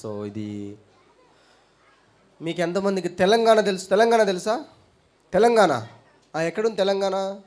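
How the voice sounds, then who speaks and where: A man's voice: sits high, lively intonation, a little slow, long pauses, darkish tone. A man teaching at a children's Bible school, chatting casually and quizzing the kids with playful questions.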